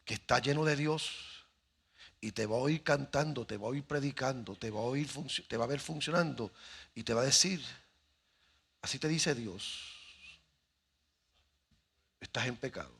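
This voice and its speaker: Gravelly-voiced man preaching a dramatic sermon. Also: medium pitch, normal speed, fairly bright tone. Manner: dramatic, acts out voices in his stories. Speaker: pastor. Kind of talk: sermon with storytelling. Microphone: handheld microphone. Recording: faint music behind the voice.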